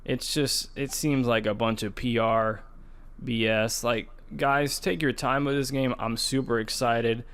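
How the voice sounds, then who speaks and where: A man co-hosts a podcast, chatting casually about video games and movies like an enthusiastic gamer. His mid-range voice is smooth and a bit bright, with fairly even intonation and a measured pace.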